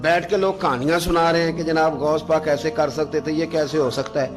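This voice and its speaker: A man preaching an Islamic sermon with fervor, rising to loud, emphatic peaks. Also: a little high, steady tone, a little fast. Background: background music.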